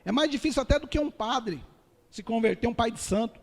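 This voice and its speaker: Speaking in a very high, gravelly voice at a brisk pace, a man with a Brazilian Portuguese accent preaches an earnest testimony sermon as a pastor, addressing his listeners as dear ones. The recording carries long hall reverb.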